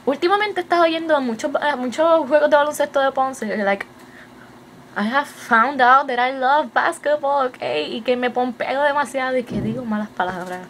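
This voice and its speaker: A young woman with a Puerto Rican accent rattles through a casual video update, excited and hyper. She switches between Spanish and English words as she goes, in a slightly high voice. A faint hiss of room noise sits behind her. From Puerto Rico. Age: young adult. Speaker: vlogger.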